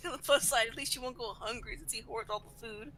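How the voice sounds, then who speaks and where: A woman, a game writer, tossing in quick quips between laughs in a casual group chat on a live stream. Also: fairly high pitch, crowd noise, low-quality recording.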